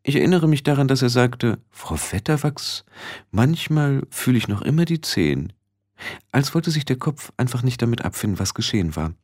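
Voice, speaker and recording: A man voicing a stern, sharp-tongued old female witch in an audiobook, speaking in firm, clipped commands. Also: medium pitch, animated, normal speed, voice pushed up, lightly acted. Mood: hushed. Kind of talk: audiobook reading.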